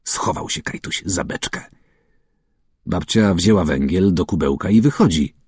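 A man reading a children's story aloud with expressive narration, acting out the characters' calls and shouts. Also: sits low, unhurried, husky, dry recording, studio quality. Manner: acts out calls and shouts, varies voice widely. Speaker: audiobook narrator.

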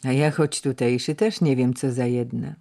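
A man's voice: mid-range voice, steady tone, normal speed, vocal fry, warm tone, lightly acted. A man voicing a sly, chatty older estate steward in a storybook reading. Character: older pipe-smoking male estate steward.

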